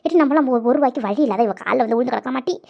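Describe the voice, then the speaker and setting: A touchy, aggrieved sister-in-law from a cartoon, voiced by a woman, rattles off her complaints in a quick, high voice. She sounds wounded and indignant. The audio is dull and lo-fi. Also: gravelly. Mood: tearful. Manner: complaining, hurt and scolding. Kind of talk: cartoon voice acting.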